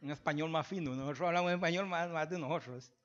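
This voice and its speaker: Man, pastor, high voice, sermon, emphatic then quiet, dull lo-fi church recording. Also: quick pace. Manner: swings from loud emphatic preaching to quiet conversational asides; repeats and restarts phrases, asks the congregation "verdad?".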